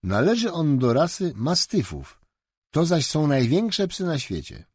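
A man voicing a calm, kindly storybook father. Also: a little high, measured pace, husky, dry recording, studio quality, voice pushed up, full character voice. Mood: reassuring. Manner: warm, reassuring, explanatory. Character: kindly middle-aged father, calm and reassuring.

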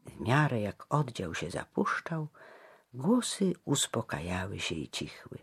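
A narrator reading historical fiction aloud with expressive storytelling. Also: mid-range voice, a little slow, breathy edge.

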